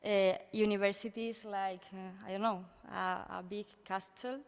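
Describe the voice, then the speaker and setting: A woman with an Andalusian Spanish accent gives an informal conference talk in halting non-native English, searching for words. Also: mid-range voice, level tone, gravelly, clean tone. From Andalusia, Spain. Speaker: university researcher speaking at a symposium. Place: conference room. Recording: echoey hall with long reverb.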